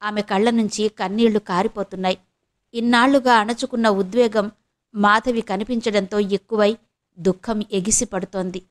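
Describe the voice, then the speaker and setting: Soft-spoken woman narrating an audio novel. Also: mid-range voice, fairly even intonation, normal speed. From India.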